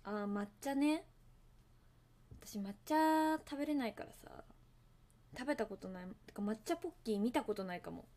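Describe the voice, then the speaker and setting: A woman's voice: on the high side, expressive, moderate pace, long pauses, a little mellow. A woman hosting a casual livestream, chatting to her viewers in a rambling way and laughing at herself. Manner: hums and sings along to songs between topics. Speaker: livestream host.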